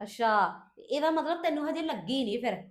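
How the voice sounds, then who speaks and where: A woman playing a sly, boastful wife, very high-voiced. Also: animated, normal speed. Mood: taunting. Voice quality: taunting, scolding delivery. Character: scheming young wife Pooja, boastful and sharp-tongued. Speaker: actor in a family skit. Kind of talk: scripted family drama.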